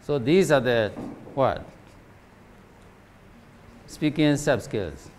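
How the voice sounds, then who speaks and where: A man from Myanmar leads a training session for teachers, speaking slowly and deliberately at a middling pitch. He keeps asking rhetorical questions and tags his points with "right?" and "okay?". Faint background noise sits under the recording. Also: lively intonation, darkish tone.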